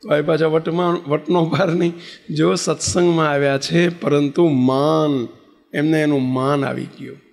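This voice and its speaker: A man's voice: a little high, steady tone, unhurried, vocal fry. A man, a spiritual leader, giving a storytelling sermon and asking the assembled audience questions. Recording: long reverb in a large hall.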